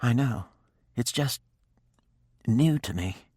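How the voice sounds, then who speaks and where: A man's voice: mid-range voice, animated, slow pace, mellow, slightly rough, dry recording, clean studio sound, voice pushed up. A man voicing a shy, flustered young noblewoman in an audiobook, speaking breathlessly and frantically. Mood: faint.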